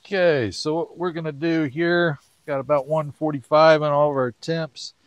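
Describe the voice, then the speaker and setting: A man's voice: a little high, fairly even intonation, normal speed, no echo. A man giving casual step-by-step grilling tips outdoors at a backyard grill, in an easygoing, chatty way. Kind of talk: casual how-to cooking vlog.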